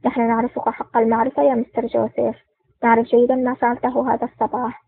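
A woman voicing a calm, firm male army general in an audiobook, on a tinny, dry line. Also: a little high, fast, creaky, breathy edge, dry recording. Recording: dry, tinny phone-like sound.

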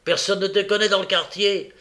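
Man putting on a brutish thief, loud and blunt, bossy. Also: on the high side, very animated, unhurried, creaky, heavily acted. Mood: gruff. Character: brutal gruff male thief, bullying.

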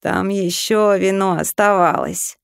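Lady doing a sighing slow dwarf guy, mopey, storybook. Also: mid-range voice, fairly even intonation, gravelly, no echo, clean studio sound. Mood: gloomy. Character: dreamy, gloomy male dwarf with a red beard.

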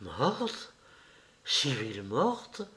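An earnest, impulsive young man, as an audiobook reader puts him on, speaking with heightened feeling. The voice is lifted a little high and delivered slowly. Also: lively intonation. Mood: shocked. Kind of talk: audiobook character reading.

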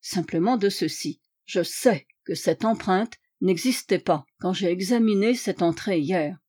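A woman's voice: fairly low pitch, a little slow, a little mellow, husky. A woman voicing Sherlock Holmes as a shrewd, playful male detective in an audiobook, courteous and wry. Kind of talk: audiobook character reading.

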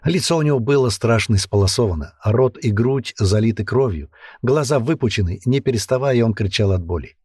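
A man reading an adventure story aloud in a steady, storytelling manner. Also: mid-range voice, a little fast, few pauses, slightly rough, dry recording, studio quality. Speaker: narrator. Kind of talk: audiobook narration.

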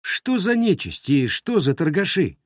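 A man's voice: high-pitched, very animated, a little slow, no room sound, studio quality, pitched above the performer's own voice, heavily acted. A man voicing a stern, weary young monster hunter who scolds and explains firmly.

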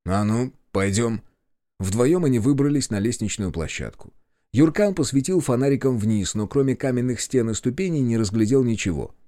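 A man narrating a horror audiobook in an expressive, suspenseful manner. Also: mid-range voice, a little fast, dry recording, studio quality.

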